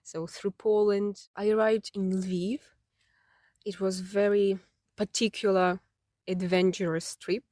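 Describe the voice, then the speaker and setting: A woman's voice: mid-range voice, flat delivery, slow pace, darkish tone, no echo, studio quality. A Ukrainian woman in her thirties, from Ukraine, telling her life story as an interview guest in a reflective way, with many fillers and restarts.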